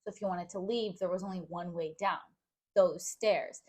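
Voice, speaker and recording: A woman's voice: fairly low pitch, steady tone, normal speed, a little mellow. Young woman rambling through a story. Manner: rambling, filler-heavy, with frequent "like". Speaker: podcast co-host. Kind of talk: casual storytelling chat.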